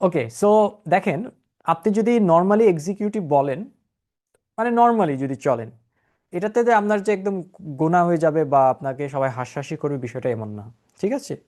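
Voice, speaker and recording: A man's voice: a little high, lively intonation, normal speed, darkish tone. A man with a Bangladeshi accent teaching spoken English in an online class, mixing Bengali and English and checking understanding often. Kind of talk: online class with screen share.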